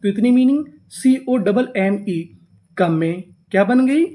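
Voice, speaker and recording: A man teaching a class on reading English words, patiently spelling out letters, asking questions back and repeating each word slowly. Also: high-pitched, expressive, warm tone. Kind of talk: step-by-step spoken lesson.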